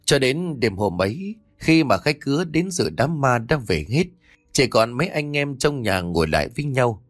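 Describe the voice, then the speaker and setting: Male narrator, dramatic story reading, animated pitch, dry close mic, soft music bed. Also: moderate pace, no echo. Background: faint background music.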